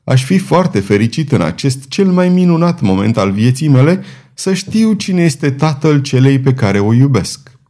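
A man's voice: mid-range voice, very animated, warm tone, lightly acted. A man reading an audiobook, voicing an earnest, courteous young duke who speaks formally.

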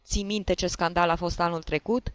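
Man voicing a shouting jealous husband. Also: high-pitched, fairly even intonation, clear, resonant tone, no echo. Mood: furious. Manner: shouting, scolding. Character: tipsy jealous husband, blustering, bullying. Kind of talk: audiobook character voice.

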